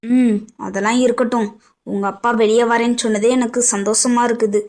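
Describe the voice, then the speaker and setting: A woman's voice: on the high side, fairly even intonation, fairly quick, darkish tone, close to an everyday voice. A woman voicing a cunning, scheming middle-aged woman plotting against enemies in a cartoon. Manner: scolding, cunning.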